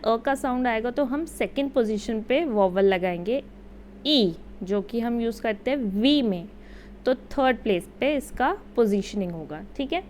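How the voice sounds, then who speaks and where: Slow, patient woman teaching shorthand. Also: fairly high pitch, a little hiss or hum. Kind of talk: casual Hindi-English lesson.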